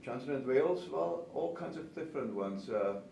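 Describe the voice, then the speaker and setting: Animated and warm, with some vocal fry, this mid-range male voice moves at a moderate pace. The speaker is a 70s-aged veteran pastry chef and cake instructor, a native German speaker with an Austrian accent, chatting his way through interview questions. It was captured in a distant, roomy, noisy recording.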